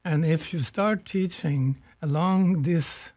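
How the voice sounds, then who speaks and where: An older man from Norway talks as a guest on a radio conversation, reflective and unhurried, pausing to search for words. His voice sits a little high for a man but sounds soft and mellow. The sound is close and dry. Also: dry recording. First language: Norwegian. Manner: reflective, slow and searching with pauses. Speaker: guest, economics professor emeritus.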